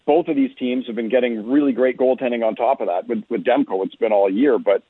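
A male guest offers sports analysis over a narrow radio line that sounds like a telephone. His medium-pitched, husky voice keeps a fairly even intonation as he explains things conversationally and with measure. The audio is dry, without any room echo.

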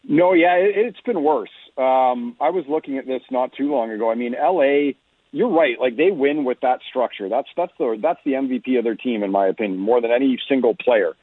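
A man appears as an interview guest offering conversational, explanatory sports analysis, often stressing his points. His mid-range voice is brisk with a breathy edge. The recording is dry and comes over a remote, phone-like connection, narrow and with muffled detail.

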